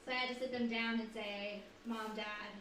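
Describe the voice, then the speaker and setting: A woman's voice: on the high side, fairly even intonation, quick pace. A young woman performing a stand-up comedy set with dry, sardonic storytelling at a live show. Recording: echoey room, far from mic, loud noise.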